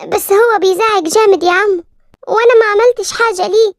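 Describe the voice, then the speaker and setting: A woman doing a small Egyptian girl of ten, squeaky and quick, pleading and talking back in a childish way. The voice sits very high and the sound is close and dry, like a storybook cartoon. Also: no echo. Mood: scared, tired. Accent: Egyptian Arabic. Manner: childish, pleading then indignant. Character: frightened ten-year-old orphan girl, sleepy, defiant.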